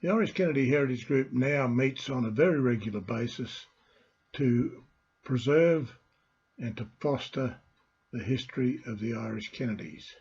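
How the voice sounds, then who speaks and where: An older man from Australia with a husky voice, presenting an informal heritage talk as host and storyteller in halting, deliberate phrases. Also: medium pitch, a little mellow, highs cut off. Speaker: host, family historian and storyteller.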